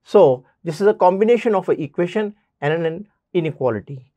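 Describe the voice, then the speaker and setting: A man's voice: high voice, lively intonation, a little fast, mellow, dry recording. A man teaching a basic math lesson. He addresses students directly and repeats key points.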